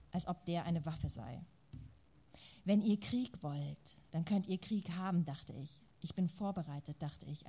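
Woman giving a dramatic reading. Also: lowish voice. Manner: dramatic reading that swells to loud, shouted passages. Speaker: reader at a public literary reading. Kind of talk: reading a novel excerpt aloud.

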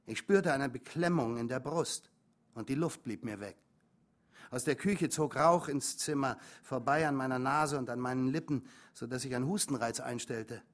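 A male audiobook reader with a calm, measured delivery. He narrates in the first person, and his voice sits at a middling pitch. The telling is steady and even. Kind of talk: memoir read aloud.

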